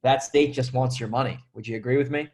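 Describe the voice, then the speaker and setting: A male podcast host who talks quickly in an easygoing, conversational way. He keeps things loose with slangy asides like "dude" and "bro", and his pitch sits at an ordinary middle level. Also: fairly even intonation, darkish tone. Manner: casual, peppered with dude and bro. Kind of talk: casual interview chat.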